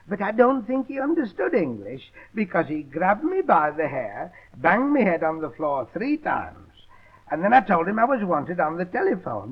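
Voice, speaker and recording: A comedian telling a rambling, mock-polite comic monologue. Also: male voice, sits high. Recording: dull lo-fi 1930s record.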